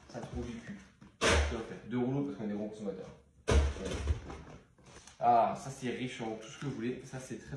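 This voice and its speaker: A man doing casual, playful commentary on a grocery haul, joking and repeating words in a sing-song way. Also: on the low side. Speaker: vlogger. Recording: very echoey room with noise.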